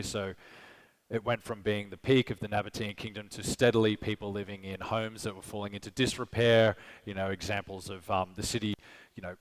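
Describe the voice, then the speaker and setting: On a conference stage, an Australian-accented man with a fairly low voice gives a live keynote in a conversational style. He poses questions to the audience and keeps checking in with "okay?" and "right?", and the recording quality is low.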